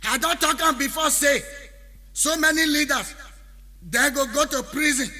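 High bright Nigerian Pidgin preacher-singer. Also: male voice, moderate pace. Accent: Nigerian Pidgin, Edo. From Benin City, Nigeria. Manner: preachy, proverb-laden, half-sung. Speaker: highlife musician. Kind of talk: spoken-word chant over music. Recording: long reverb with backing music.

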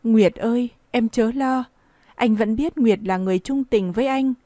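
A woman's voice: fairly high pitch, moderate pace, dark tone, no room sound, clean studio sound, close to an everyday voice. A woman reading the part of an evasive young man who soothes his lover, in a coaxing, reassuring tone. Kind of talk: audiobook dialogue reading.

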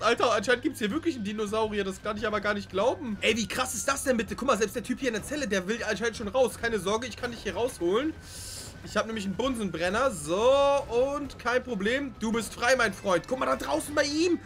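A young man hosting gaming videos, commenting on his gameplay in an excitable, chatty way with lots of slang fillers. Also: sits high.

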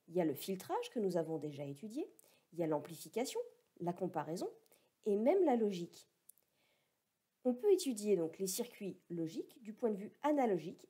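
A woman's voice: mid-range voice, mellow, slightly rough. A woman giving a recorded lecture, explaining step by step with wry asides. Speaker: teacher.

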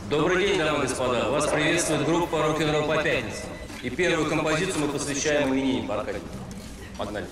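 An actor playing a cheeky, laid-back rock band leader in a melodrama series, offhand and cocky. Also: male voice, on the high side, fast, close to an everyday voice, rough recording. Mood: showy announcing. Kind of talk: naturalistic screen acting in a melodrama series.

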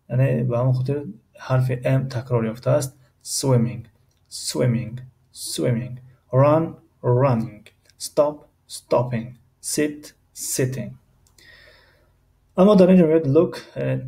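An English teacher with a Tajik accent explains grammar, pausing frequently with filler sounds and reading English examples slowly before translating them. His mid-range voice is warm with vocal fry, though the audio quality is poor.

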